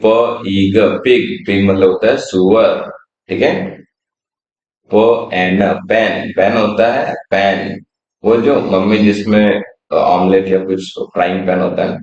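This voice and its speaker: A man's voice: low-pitched, a little mellow. A man teaching children phonics, patiently spelling words out letter by letter and explaining each one. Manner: spells words out slowly letter by letter, then gives the Hindi meaning; patient, checks in often with "theek hai". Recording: roomy, slightly dull sound.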